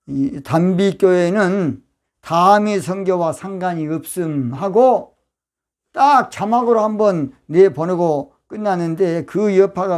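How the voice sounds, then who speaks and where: Fiery older Jeolla-accented pastor preaching. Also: male voice. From Yeosu, Jeolla province, South Korea. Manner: fiery and emphatic, with sudden loud high outbursts. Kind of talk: sermon.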